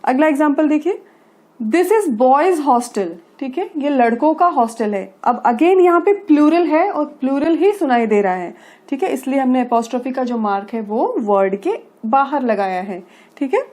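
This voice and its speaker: Grammar teacher, female, high-pitched voice, patient and repetitive explainer. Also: animated, dark tone. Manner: explains slowly, checking understanding with frequent tag phrases; reads English examples slowly and carefully. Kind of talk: classroom-style grammar lesson.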